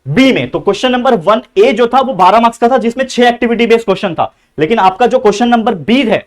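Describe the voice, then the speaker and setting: Man, Indian accent, high voice, exam-prep lecture, asks and answers his own questions. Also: lively intonation, quick pace. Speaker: teacher.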